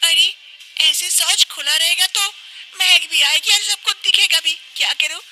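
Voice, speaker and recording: A performer voicing a squeaky fretful young daughter-in-law. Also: female voice, measured pace, sharp tone, faint music behind, exaggerated voice, rough recording. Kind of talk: cartoon voice acting.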